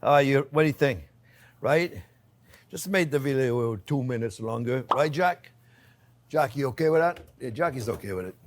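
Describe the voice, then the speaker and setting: A man's voice: medium pitch, expressive, normal speed. A man hosting a cooking demonstration, talking casually and playfully to viewers as friends, with exuberant, repeated catchphrases. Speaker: chef hosting a cooking channel.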